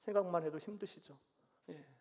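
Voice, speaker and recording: A man's voice: high-pitched, fairly quick, darkish tone. A male pastor preaching a sermon, questioning the congregation and often answering himself with a short "yes," in a church sanctuary with long reverb.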